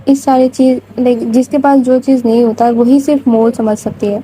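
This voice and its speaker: A woman narrates a love story in casual spoken style, chatty and loose, with filler words sprinkled throughout. Her voice sits high but sounds very dark and mellow. A faint hiss of noise stays under her voice. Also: little pitch movement, low-quality recording.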